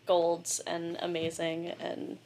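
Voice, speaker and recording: A woman's voice: fairly low pitch, completely flat delivery, slow, warm tone, a little hiss or hum. A woman co-hosting a comedy show, teasing her partner and laughing easily in casual banter. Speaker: podcast co-host.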